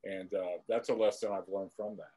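A man's voice: low voice, steady tone, normal speed, dark tone, slightly rough, poor audio. A man in his fifties, a former drum line member, candidly recalling events in a rambling, repetitive way. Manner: rambling, repeats words, candid. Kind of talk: casual reminiscing chat.

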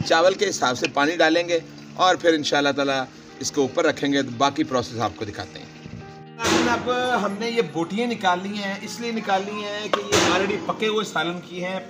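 A cooking vlogger in his forties gives a casual demonstration at a wood fire in an outdoor village yard, speaking chattily and directly to his viewers. He has a high voice and talks at a normal speed, recorded by a cameraman's handheld camera mic over background music.

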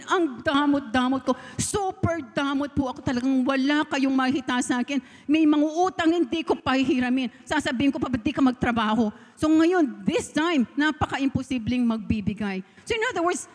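Filipino woman preacher, middle-aged, high voice, heartfelt testimony, hall reverb. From Philippines. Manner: heartfelt storytelling, mixing in English phrases. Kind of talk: sermon testimony.

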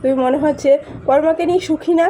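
A woman's voice: high voice, steady tone, fairly quick, warm tone, natural voice. A woman voicing a commanding mother who lectures her son, in a spoken drama recap. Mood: stern. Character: stern domineering mother.

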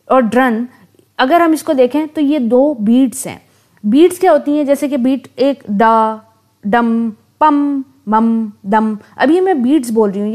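Mellow-voiced woman teaching poetry terms. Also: high-pitched. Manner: switches to slow, careful reading for English definitions. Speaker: literature teacher. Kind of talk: explaining lecture, reading definitions slowly.

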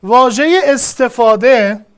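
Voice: medium pitch, clean tone. A teacher giving a lesson, explaining patiently step by step and speaking straight to the student. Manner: explanatory, repeats and addresses the student directly. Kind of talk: classroom lesson.

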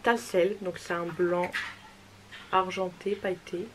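A woman's voice: fairly low pitch, flat delivery, takes it slowly, noisy background. Chatty woman beauty vlogger. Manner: chatty, repeats "voilà" often, apologetic. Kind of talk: casual makeup haul vlog.

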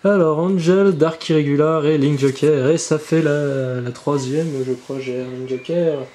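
A man's voice: a little high, little pitch movement, measured pace, mellow, roomy sound, slight background noise. A man hosting a casual card-unboxing commentary, chatty and rambling, swearing now and then. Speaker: channel host opening trading card boxes. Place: indoor room with birds outside.

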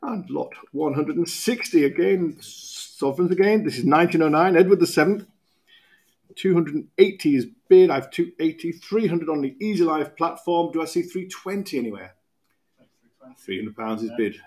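A man's voice: fairly high pitch, lively intonation, darkish tone. British man calling bids at auction. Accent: British English. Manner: brisk, repetitive bid calling with quick asides. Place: auction room podium, indoors.

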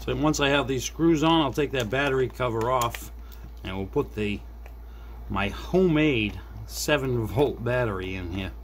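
Working at a desk indoors, a middle-aged man who makes hobby repair videos casually narrates his thoughts to viewers without a script. He has a mid-range voice and keeps a moderate pace. The recording picks up background noise and the sound of the room.

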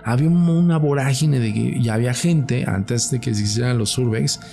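A man's voice: medium pitch, a little fast, mellow, faint music behind. A man with a Mexican accent telling a story in a slangy, rambling, casual way, acting out quotes. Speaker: podcast storyteller.

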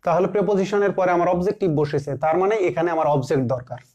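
A man teaching English grammar, slowly repeating example sentences word by word and answering his own questions. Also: high voice, a little mellow, dull audio. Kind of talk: classroom grammar lesson.

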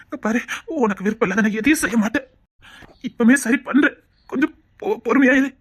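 A woman plays a desperate, tender husband in a tearful melodrama, with a Tirunelveli Tamil accent. The voice is husky and pitched high, and the words rush out in stammered, repeated reassurances. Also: fast talker. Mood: pleading, desperate.

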